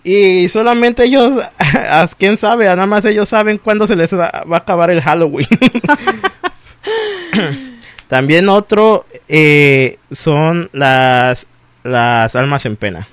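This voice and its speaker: A man, co-hosting a casual chat, animated and laughing often. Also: a little high, measured pace, smooth. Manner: animated, laughs often, acts out quoted voices. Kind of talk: casual chat about exes.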